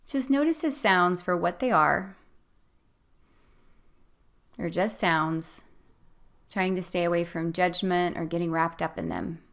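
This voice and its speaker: A woman with a slightly low voice leads a guided meditation. Her delivery is gentle and soothing, giving calm, clear instructions as a meditation guide. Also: a little slow, long pauses.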